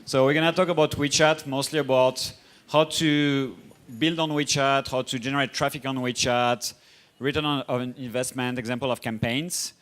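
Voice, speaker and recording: A young man from France with a strong French accent, giving a casual, fast-paced conference masterclass. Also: medium pitch, steady tone, a bit bright, clean tone. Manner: fast, casual, self-deprecating, with filler restarts. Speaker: conference speaker. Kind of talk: masterclass presentation.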